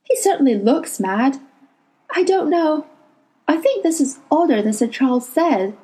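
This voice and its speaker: A woman voicing a steady, protective young boy. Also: high voice, unhurried, pitched above the performer's own voice. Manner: quiet, firm whispers.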